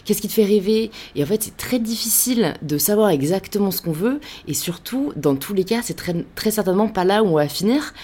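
A woman hosting a casual interview, relaxed and reflective as she asks her questions. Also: medium pitch, fairly quick, few pauses, husky. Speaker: podcast host.

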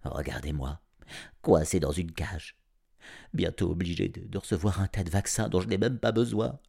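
A man reading an audiobook aloud, narrating as a grumpy cat in a sardonic, animated first-person voice. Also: sits low, moderate pace, vocal fry, breathy edge. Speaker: storyteller.

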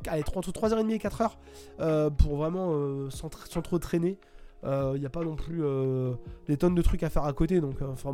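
Guy rambling through a game review at his computer, mellow voice, lots of uh and restarts, faint music behind. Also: a little high. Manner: hesitant, many fillers and restarts. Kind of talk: casual spoken game review. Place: home, at a computer.

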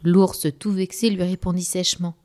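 Mellow-voiced woman reading a children's story. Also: on the low side, moderate pace. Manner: gentle, expressive reading. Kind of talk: scripted children's story narration.

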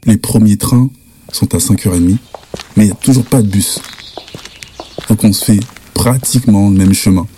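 A young man from France telling a spooky personal anecdote in lively, slangy casual speech. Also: lowish voice, normal speed, long pauses, slight background noise. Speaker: storyteller.

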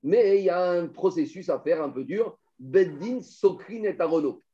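Male Talmud teacher, high mellow voice, questioning style, dull lo-fi recording. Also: expressive, normal speed. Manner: explains step by step, asks students questions. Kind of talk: Talmud class.

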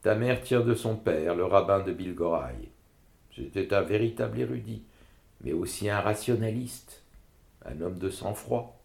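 Reluctant, grumbling rabbi father, read by a male narrator, gravelly and lively. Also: low-pitched, measured pace, heavily acted. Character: hesitant pious rabbi father, middle-aged. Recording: roomy echo.

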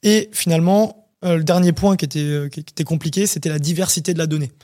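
A man's voice: on the high side, fast talker, warm tone. A man, a startup CEO, explaining his company in a casual interview, talking with many fillers.

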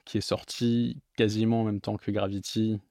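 A man's voice: fairly low pitch, little pitch movement, normal speed, warm tone, no room sound, clean studio sound. A young man from England, a filmmaker guest in a casual interview, giving long rambling answers.

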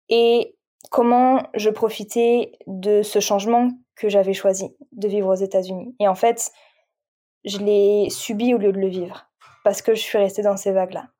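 A woman from France speaks as a podcast guest, her voice soft and warm rather than bright. She talks casually and openly, reflecting as she goes, with frequent halting restarts. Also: mid-range voice. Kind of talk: casual conversational interview.

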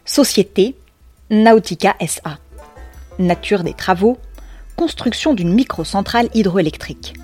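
A woman narrates a scripted story in the second person, voice sitting in a middle register. Her delivery is wry and ironic, with slangy asides. Soft music plays faintly behind her. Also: mid-range voice, expressive, measured pace, slightly rough.

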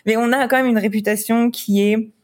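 A woman's voice: on the high side, steady tone, fairly quick. A woman from France, a wedding photographer, chatting casually in a podcast interview with lots of fillers and laughter.

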